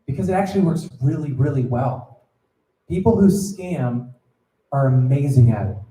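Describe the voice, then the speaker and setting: Speaking at a moderate pace with a medium-pitched, dark-toned voice, this animated youth pastor gives a sermon to students. He talks casually, checks on the audience, and performs the voices in his stories, all in an echoey room.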